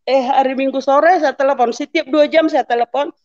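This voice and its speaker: Woman in her 50s telling her testimony, acts out who said what, voice a bit high, flat dry sound. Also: normal speed, dry recording, highs cut off. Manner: acts out quoted dialogue, voice rising into pleading prayer. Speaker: guest giving a testimony to a pastor. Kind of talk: emotional testimony storytelling.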